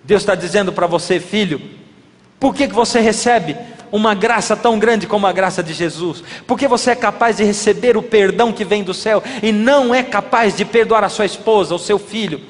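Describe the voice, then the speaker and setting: A man's voice: high voice, fairly quick. A man preaching a sermon, asking the audience many questions and acting out little dialogues. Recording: reverberant hall.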